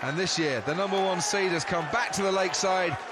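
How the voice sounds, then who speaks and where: A man's voice: high-pitched, fairly quick, a loud crowd. A man giving live sports commentary on a darts match. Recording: loud background noise. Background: loud noise.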